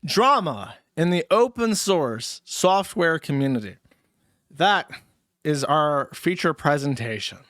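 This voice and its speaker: Sarcastic quick-talking male show host. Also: a little high, very animated, fairly bright tone. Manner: sarcastic, quick, laughs often. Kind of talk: casual commentary on clips.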